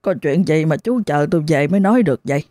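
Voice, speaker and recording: Brief: woman doing a commanding older village headman, mellow low voice. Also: animated, fast, dry recording. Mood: grave. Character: stern older village chief, a man.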